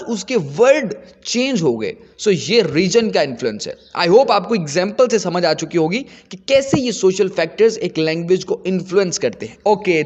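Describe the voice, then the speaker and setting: A man's voice: sits high, in a large hall, dull audio. A man giving an explanatory lecture as a teacher, repeating points for his students.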